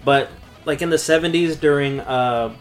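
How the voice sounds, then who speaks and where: A man's voice: a little high, moderate pace, soft background music. A man in his thirties co-hosting a podcast, chatting casually about a movie, laid-back and profane, often laughing. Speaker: podcast co-host.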